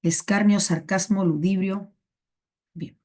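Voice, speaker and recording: A woman's voice: medium pitch, fairly even intonation, slow pace, a little mellow. A young adult woman teacher with a Peruvian Spanish accent giving a live online class, repeating words and synonyms over and over. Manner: repetitive, drills synonyms.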